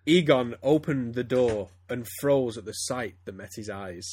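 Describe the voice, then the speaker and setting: A man's voice: mid-range voice, measured pace, darkish tone, husky. A man reading fan fiction aloud to friends, stumbling and breaking into laughter as he goes. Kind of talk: casual comedic reading aloud.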